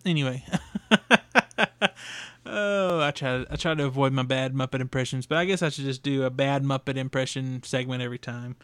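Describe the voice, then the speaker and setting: A man's voice: mid-range voice, flat delivery, fast, hardly any pauses, clean tone, dry recording. A young adult man hosting a podcast, talking casually and rambling through his thoughts. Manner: rambling, with fillers and restarts. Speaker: podcast host. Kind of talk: casual solo podcast review.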